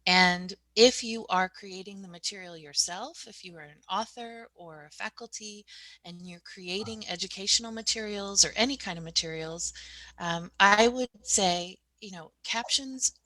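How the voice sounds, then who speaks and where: A woman's voice: medium pitch, normal speed, bright, forceful tone, dry recording, rough recording. A woman giving an explanatory presentation in a webinar.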